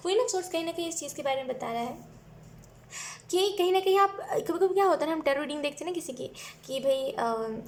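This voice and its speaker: A woman's voice: high voice, animated, brisk. A young woman giving a casual tarot reading, chatting in a mix of Hindi and English at home. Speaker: tarot reader.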